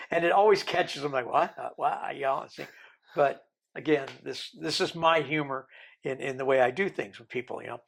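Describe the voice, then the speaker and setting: A Manx man in his sixties, an interview guest, recounts his life story with rambling, self-deprecating jokes and asides. His Birmingham accent has been softened by decades in America, and his voice is medium-pitched and creaky at a normal pace.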